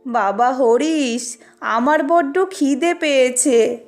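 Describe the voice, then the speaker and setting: A woman voicing a frail, nearly hundred-year-old grandfather in a storybook reading. He drags out his words slowly and whimpers like a child. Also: high-pitched. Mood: plaintive. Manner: slow, drawn-out, whimpering. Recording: faint music behind.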